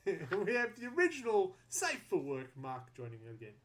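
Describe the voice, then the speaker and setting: A man's voice: high-pitched, wildly swooping pitch, normal speed. A man hosting a casual podcast, chatty and laughing easily while a little flustered. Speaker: podcast host.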